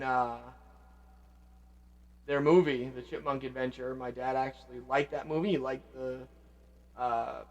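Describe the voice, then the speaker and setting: A man hosting a vlog, reminiscing casually and reflectively, often trailing off quietly. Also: medium pitch, long reverb tail. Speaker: vlog host paying tribute to his father. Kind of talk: casual spoken reminiscing between songs.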